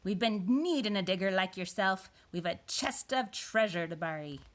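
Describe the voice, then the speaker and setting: A woman's voice: medium pitch, expressive, lightly acted. Woman putting on a bellowing pirate captain. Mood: hearty. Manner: bellowing, drawn-out pirate talk. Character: gruff, boisterous male pirate captain.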